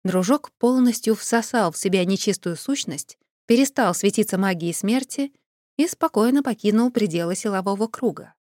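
An expressive female audiobook narrator reads a novel told in the first person, at medium pitch and normal speed. The recording is dry, with clean studio sound.

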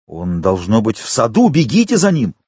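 A man's voice: lowish voice, wildly swooping pitch, normal speed, darkish tone, breathy edge, no echo, heavily acted. A man voicing a frantic, grief-stricken middle-aged prosecutor who cries out in panic. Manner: crying out in panic, then dazed whispering.

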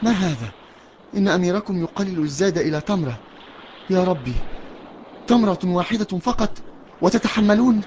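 A man's voice: high-pitched, expressive, fairly quick, pauses often, darkish tone, muffled recording, a little hiss or hum. A man playing a timid, curious young boy who stammers when scared, in a children's audio drama. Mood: wondering.

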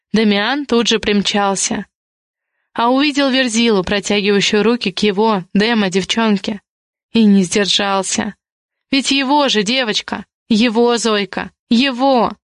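A woman reading a novel aloud as an audiobook narrator, in steady storytelling. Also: medium pitch, no room sound, studio quality.

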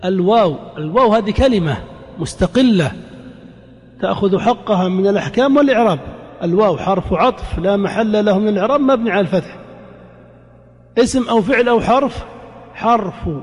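A man's voice: high-pitched, expressive, brisk, pauses often. A man teaching grammar to a class, quizzing students with short prompts and then explaining patiently. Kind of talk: interactive classroom lesson. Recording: long reverb in a hall.

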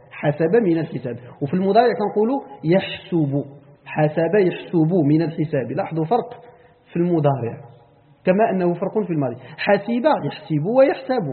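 A man's voice: high-pitched, in a large hall, phone-quality sound. A man with a Moroccan accent teaching Quran commentary in a lecture. He explains terms step by step, repeats key words and checks whether the class follows.

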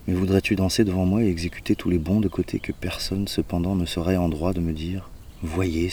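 A man's voice: low-pitched, a little mellow, distant mic, slight background noise, close to an everyday voice. A man voicing a mournful old male soothsayer, a prophet of doom who speaks in a sad, lamenting way.

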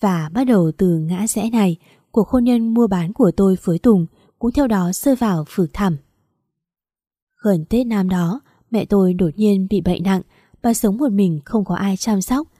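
A woman reads a first-person story aloud at a calm, measured pace. Her voice is mellow and the recording is dry and close. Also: medium pitch, breathy edge, no echo. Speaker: audiobook narrator.

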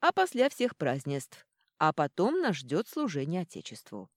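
A woman voicing a middle-aged king and father with a booming, teasing manner. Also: huge pitch swings, moderate pace, no echo, studio quality, exaggerated voice.

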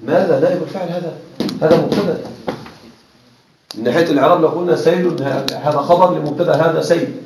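A man teaching a class on Arabic rhetoric, repeating words slowly and often asking his students whether they follow. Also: a little high. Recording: echoey classroom with faint noise.

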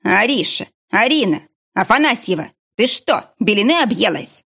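A blunt, defensive young boyfriend, voiced by a woman reading an audiobook. His lines move in a lively, animated way. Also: mid-range voice, normal speed, creaky, husky, exaggerated voice. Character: young man, boyfriend, tense and stern.

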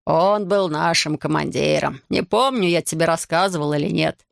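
A man voicing a drunk, boastful, sentimental fisherman, dragging and slurring his words in a gravelly voice. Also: fairly high pitch, moderate pace, no echo, studio quality. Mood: drunk boasting. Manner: slurred, dragging, loud and maudlin.

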